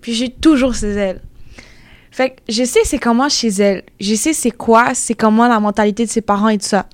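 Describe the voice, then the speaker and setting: Lively young Québécoise, dry close sound. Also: female voice, on the high side, a little fast, no room sound. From Quebec. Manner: animated, laughing, lots of fillers. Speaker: panel guest. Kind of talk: casual discussion.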